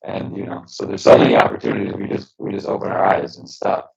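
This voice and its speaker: A man's voice: fairly low pitch, completely flat delivery, fast talker, creaky, a little mellow. A man chatting casually on an internet call through a faulty headset mic, his voice coming through with a robotic, metallic glitch. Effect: robotic, glitchy metallic distortion from a faulty headset mic. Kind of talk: casual online call chat. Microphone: headset over an internet call. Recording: lo-fi garbled internet call audio.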